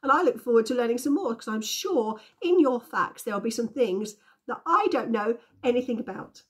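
A woman's voice: fairly high pitch, normal speed. Woman tutor reading aloud. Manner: expressive storytelling, friendly teacher tone. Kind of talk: reading a children's story aloud and teaching.

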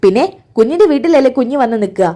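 A doting older mother coaxes and pleads with her daughter, as a woman storyteller voices her. The voice is fairly high and the talk runs fast. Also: animated, dark tone, lightly acted. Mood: pleading. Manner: coaxing, affectionate.

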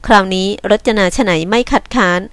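Woman audiobook narrator, measured literary reading, mid pitch, dry close mic. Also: fairly bright tone, smooth, no room sound. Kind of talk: scripted narration of a novel.

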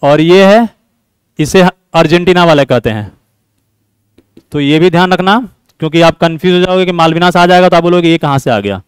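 A man's voice: fairly high pitch, brisk, clear, resonant tone, no room sound. Male teacher quizzing a class. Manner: explanatory, repeats key points, quizzes students. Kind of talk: classroom lecture mixing Hindi and English.

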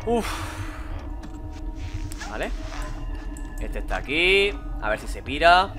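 A young man from Spain streaming a horror game, who swings from low muttering to panicked shouting. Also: sing-song, slow, over music. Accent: Spain Spanish. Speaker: gaming streamer. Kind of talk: live gameplay commentary.

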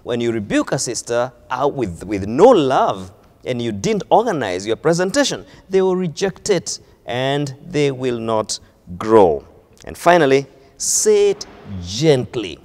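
A man's voice: medium pitch, big pitch swings, a little slow, a little mellow, big-room sound. A man with a Kenyan accent preaching a sermon in a church, stressing key phrases by repeating them. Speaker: pastor.

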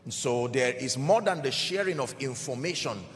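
Male preacher, mid-range voice, measured emphatic delivery, echoey hall sound. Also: medium pitch, animated, a bit bright, a little hiss or hum. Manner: emphatic, deliberate preaching with audience call-outs. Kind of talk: sermon. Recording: reverberant hall with faint background music.

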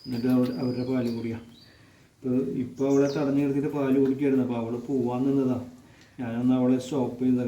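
Roomy, mellow-voiced man hosting a pet vlog. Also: medium pitch, lo-fi sound, a little hiss or hum. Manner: chatty, coaxes the animals tenderly. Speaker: pet channel host. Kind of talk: casual vlog narration.

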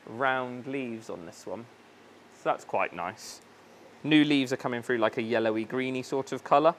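A man hosting a casual unboxing vlog in his aquarium shop, chatty and enthusiastic, thinking aloud and tripping over plant names. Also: on the high side. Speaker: fish shop owner and video host.

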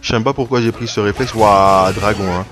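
Guy commentating his own fight game matches, rambly and restarts a lot, gets hyped out of nowhere, game music loud behind him. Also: fairly low pitch, fairly quick. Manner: rambling play-by-play with frequent restarts and sudden excited outbursts. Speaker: gaming video creator. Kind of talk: casual gameplay commentary.

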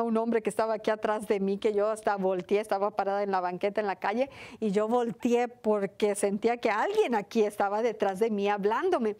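A woman with a Mexican accent preaches in a fairly high voice. She talks earnestly, tells her own story and often checks in with her listeners through rhetorical questions. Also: darkish tone. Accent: Mexican Spanish. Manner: earnest, personal testimony with frequent rhetorical questions. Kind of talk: sermon.

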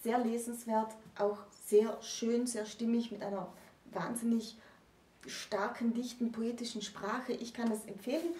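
Indoors before a wall of bookshelves, a woman in her thirties co-hosts a discussion to camera, explaining books in a fairly high, mellow voice. Her intonation stays fairly flat and her pace measured, while the distant mic adds a roomy echo.

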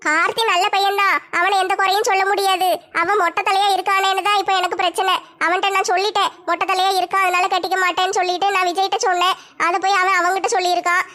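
A woman voicing a fretful young village woman in a comic skit, with a squeaky, pitched-up voice. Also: level tone. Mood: troubled. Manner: rapid, bright, squeaky high voice. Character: young village woman, upset, fretting over marriage.

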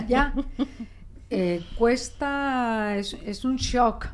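The speaker is an older Spanish woman, a guest linguist in a conversational interview, whose Spain accent leans toward Mexican Spanish. Her voice sits a little high and she draws out her words, speaking expressively and reflectively with frequent restarts and gestures. A desk microphone in a small indoor studio office captures her, with a little hiss or hum.

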